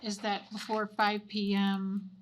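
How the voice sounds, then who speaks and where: A woman councilor in a council chamber asks a clarifying question. Her voice sits at a mid pitch and she lays out the question slowly and carefully. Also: completely flat delivery, a little hiss or hum. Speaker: city councilor.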